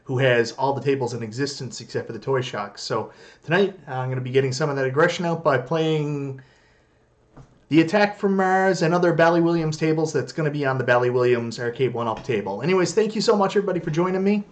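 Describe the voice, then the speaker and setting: A Canadian man in his forties, with a light accent, chats casually on a live stream, greeting viewers by name and joking self-deprecatingly about his own skills. His voice is on the high side and he talks fast.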